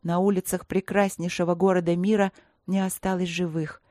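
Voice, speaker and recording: A mellow, warm female voice reads an audiobook in a measured, steady storytelling manner. The recording sounds close and dry. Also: fairly low pitch, dry recording. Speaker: audiobook narrator. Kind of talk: scripted narration.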